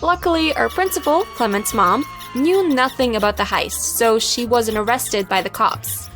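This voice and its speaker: A young woman narrating an animated story in a lively, scripted storytelling manner. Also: fairly high pitch, normal speed, soft background music.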